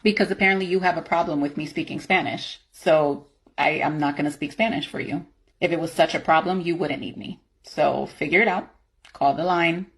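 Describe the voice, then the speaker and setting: A woman's voice: low voice, a little fast, a bit bright, husky, heavily acted, rough recording. A woman playing an assertive, sardonic office employee in a workplace comedy skit, speaking firmly, bluntly and with sarcasm. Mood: blunt, stubborn. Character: assertive, sardonic female office employee who refuses unpaid work.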